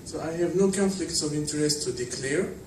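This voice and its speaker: A man from Tunisia giving an academic conference talk, measured and explanatory with frequent fillers. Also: a little high. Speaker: conference speaker. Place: conference hall. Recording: distant, echoey hall with noise.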